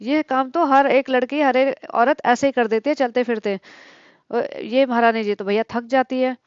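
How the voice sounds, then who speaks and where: Woman commentary vlogger, mocking and scolding, high voice, slightly muffled recording. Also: steady tone, normal speed, clean tone, no echo. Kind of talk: critical commentary on other vloggers.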